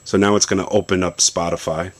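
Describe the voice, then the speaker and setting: Deep-voiced male tech vlogger, easygoing explainer, talking through a gadget demo at home. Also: a little fast. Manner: relaxed, explanatory, loosely rambling. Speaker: tech vlogger demonstrating a phone setup. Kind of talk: casual product demo. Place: home basement.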